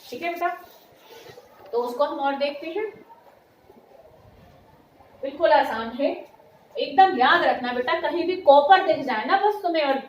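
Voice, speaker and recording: Woman chemistry teacher, high voice, echoey classroom, keeps checking the class follows. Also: a little slow, long pauses. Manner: checks understanding often, calls students "beta". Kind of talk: classroom lecture mixing Hindi and English terms. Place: classroom with students answering. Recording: echoey room with faint noise.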